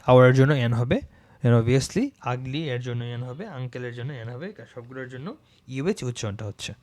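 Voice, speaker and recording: A man teaching an English grammar lesson, repeating example words slowly to show how they sound and mixing English terms into his talk. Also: medium pitch, darkish tone, no echo. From Bangladesh.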